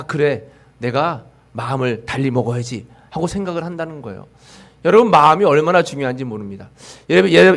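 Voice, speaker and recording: Male pastor, sermon delivery, slightly raised pitch, earnest, builds to emphatic exhortations. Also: creaky. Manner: earnest preaching, rising emphatic exhortations, acts out quoted voices. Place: church sanctuary.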